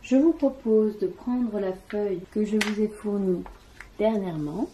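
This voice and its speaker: A woman teacher giving an early reading lesson to young children, sounding out syllables one by one in a slow and deliberate way. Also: medium pitch, warm tone, slight background noise. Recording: echoey room.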